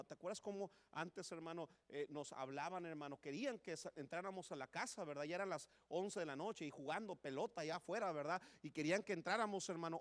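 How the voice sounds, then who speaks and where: In a church sanctuary, a male pastor with a Mexican Spanish accent delivers a fervent sermon, repeating "hermano" again and again. His voice sits on the high side, and the recording is dry.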